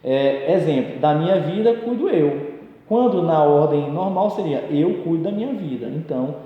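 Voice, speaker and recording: A man's voice: on the high side, dark tone. A man giving an exam-prep grammar lesson, explaining each term through examples and leaning on fillers like "então" and "né". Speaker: teacher. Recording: echoey room with long reverb.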